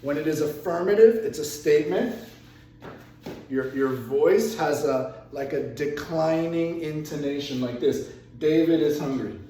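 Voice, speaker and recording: A man's voice: fairly high pitch, unhurried, dark tone, recorded from a distance. A man teaching an English grammar lesson, explaining patiently step by step with repeated examples. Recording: echoey room, voice from off-mic.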